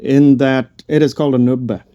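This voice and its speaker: A man with a Swedish accent co-hosting a casual podcast, speaking with dry, deadpan humor. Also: mid-range voice, moderate pace, muffled recording. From Sweden. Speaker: podcast co-host. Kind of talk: casual chat.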